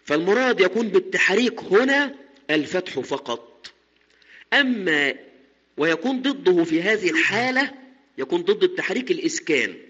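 A man teaching a lesson on Quran recitation, explaining each point step by step, repeating key terms and chanting quoted verses slowly. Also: high voice, very animated, sharp tone, breathy edge, big-room sound, muffled recording.

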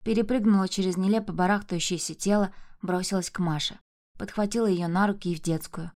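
A woman's voice: medium pitch, fairly even intonation, a little fast, a little mellow. A woman narrating a novel as an audiobook in a tense, dramatic reading.

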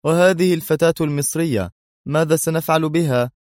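A man reading a story aloud, voicing a calm, cold and sarcastic male spy hero. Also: mid-range voice, normal speed, dry recording, studio quality, pitched above the performer's own voice, lightly acted.

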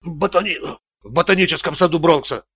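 A man's voice: a little high, brisk, sharp tone, husky, dry recording, highs cut off. A man voicing a beaten, panicking male swindler who whines and gasps his answers. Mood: moaning.

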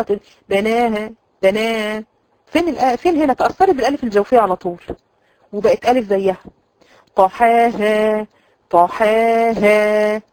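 A woman with an Egyptian Arabic accent teaching Quran recitation, explaining in a chatty way and slowly drawing out example words to demonstrate them. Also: mid-range voice, dark tone, no room sound, poor audio. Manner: addresses students directly, frequent "khalas?" checks. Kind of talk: recorded online lesson.

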